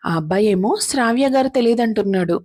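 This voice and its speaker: A woman narrating a serialized drama story in a steady, dramatic reading style. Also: fairly high pitch, a little fast.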